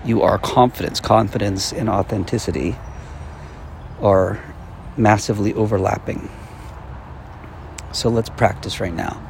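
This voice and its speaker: A man giving a guided motivational mindfulness talk, speaking deliberately with long pauses, recorded outdoors in a busy park. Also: on the low side, fairly even intonation, gravelly, a little hiss or hum. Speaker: self-help meditation coach. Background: park background sounds, passing vehicles.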